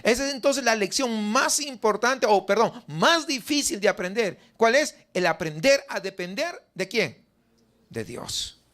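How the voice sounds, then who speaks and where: Preaching in a church, this high-voiced man speaks with a Mexican Spanish accent and a fairly bright tone. The pastor repeatedly poses rhetorical questions to his listeners and raises his voice to act out their doubts.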